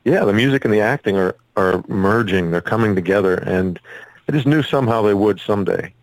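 A man's voice: fairly low pitch, a little fast, dry recording, low-quality recording. A man speaking as a musician and actor guest in a casual interview, earnest and a little hesitant.

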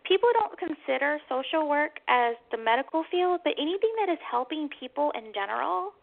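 High-voiced woman psychic, soothing and reassuring. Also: animated, brisk, gravelly, phone-quality sound. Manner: soothing, reassuring, with endearments like "hon". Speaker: psychic medium, host. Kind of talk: psychic reading for a caller.

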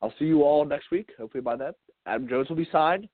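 A man's voice: on the high side, fast talker, dry recording. Stuffy-nosed guy rambling thru his podcast outro, dry tinny phone-ish sound. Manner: rambling, repeats words, chuckles. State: congested. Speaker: podcast host. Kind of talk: casual solo podcast sign-off.

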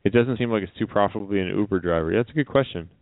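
A man co-hosting a radio talk show, chatting casually with a wry, deadpan humor. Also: on the low side, rapid-fire. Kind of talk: casual chat. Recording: dry, phone-like narrow sound.

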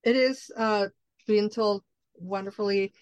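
A woman's voice: medium pitch, fairly even intonation, measured pace, no echo. A woman hosting an interview, effusive and enthusiastic, whose first language is Spanish. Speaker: show host. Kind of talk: casual interview chat.

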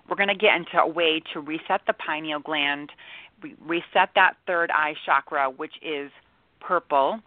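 A woman teaching and leading a guided meditation in a soothing, unhurried way with drawn-out phrases. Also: low voice, dry recording. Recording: dull, lo-fi sound with music behind.

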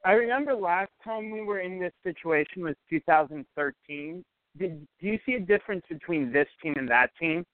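A man's voice: high voice, moderate pace, dry recording. A man calling in to a sports show over the phone, asking eager, rambling questions. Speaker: caller. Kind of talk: sports call-in chat. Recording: tinny phone line.

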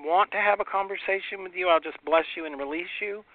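A man with a fairly high voice co-hosts a spiritual talk radio show, telling stories with emphatic, animated delivery. He comes through a tinny, phone-like line with a dry, close sound. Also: fast talker, no echo. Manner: emphatic, animated storytelling, frequent "you know". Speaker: radio show co-host, ordained minister.

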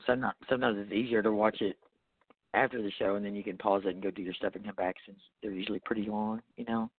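A man's voice: on the low side, level tone, quick pace, husky. A man hosting a podcast in casual, rambling chat, informal and often checking in with the listener. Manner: informal, often tags sentences with "you know". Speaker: podcast host. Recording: thin phone-like sound from makeshift setup.

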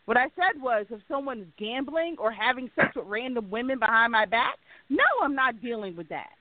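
A high-voiced woman co-hosting a relationship podcast, blunt and emphatic as she pushes back. Her voice is dry and close, squeezed into a thin phone-like band. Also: expressive, brisk, no echo. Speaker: podcast co-host. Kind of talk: casual podcast chat. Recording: dry, tinny phone-like line.

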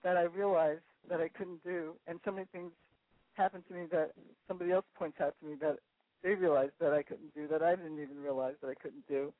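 A woman's voice: on the low side, no room sound. A woman in her fifties on the phone, eager and repeating herself for emphasis. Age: 50s. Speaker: guest caller. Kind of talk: casual phone chat. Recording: dry phone line.

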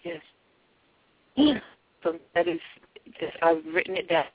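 A woman's voice: on the low side, expressive, unhurried, husky, dry recording. A woman calling in to a radio show over a phone line, thanking the hosts as she signs off. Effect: radio show caller over a phone line. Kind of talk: call-in chat. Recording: dry tinny phone line.

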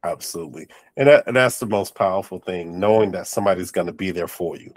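Recorded in a clean studio with no echo, this low-voiced, fast-talking man from North Carolina hosts an interview podcast. He sounds nasal and congested, and his casual chat is affirming and encouraging.

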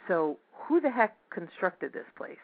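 A woman's voice: lowish voice, sing-song, a little slow. A woman talks as a radio interview guest over a narrow, tinny phone connection. She explains conversationally, stringing descriptions together in long flowing lists. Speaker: interview guest, tour leader.

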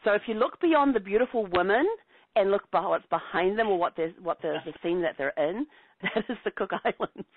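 A woman's voice: medium pitch, animated, a little fast, slightly rough. A woman host with a New Zealand accent, talking with bubbly, chatty enthusiasm in a casual travel interview. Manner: bubbly, chatty, laughs easily. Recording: dry phone-line sound.

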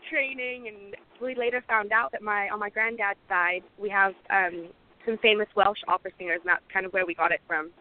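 A woman's voice: medium pitch, steady tone, brisk, few pauses, a little hiss or hum. Young woman singer, chatty and thankful, on a phone-quality line. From Lebanon. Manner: warm, grateful, casual with fillers. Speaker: guest singer. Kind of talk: interview answers.

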